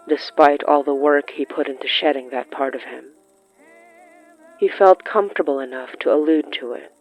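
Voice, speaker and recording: The narrator of a horror fiction podcast reads a scripted literary horror story in a measured way, leaving dramatic pauses between short phrases. The voice is mid-range, and the audio is dull but free of echo.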